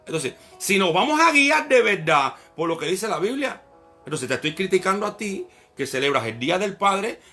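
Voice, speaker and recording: A man preaching a sermon in an animated way, often addressing the listener as brother. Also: fairly high pitch.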